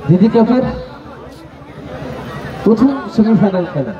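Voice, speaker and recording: A man's voice: high-pitched, lively intonation, measured pace. A man making emphatic, repetitive football tournament announcements and commentary. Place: outdoor football ground with crowd. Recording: muffled echoey distant PA, crowd noise.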